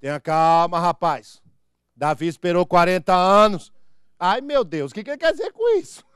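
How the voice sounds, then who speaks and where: Pastor guy preaching, pretty high voice, jumps from soft mutters to loud shouts. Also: normal speed, smooth, dry recording, clean studio sound. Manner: animated, mimics church members with comic voices; swings from soft low asides to loud proclamations. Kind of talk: lively preaching sermon.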